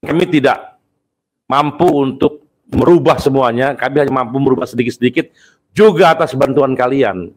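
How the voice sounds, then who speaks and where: A man with a medium-pitched voice talks as a union leader. He explains political matters informally and deliberately. His phrases come in halting pieces as he looks for words. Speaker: labor union confederation leader.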